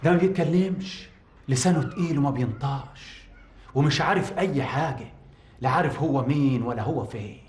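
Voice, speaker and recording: A man's voice: mid-range voice, fairly quick, a little mellow, roomy sound, lightly acted. An actor playing a pious, kindly working-class Egyptian man in a TV drama, with an Egyptian accent. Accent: Egyptian Arabic. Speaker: kind poor man caring for a stranger. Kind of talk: 1980s Egyptian TV drama acting.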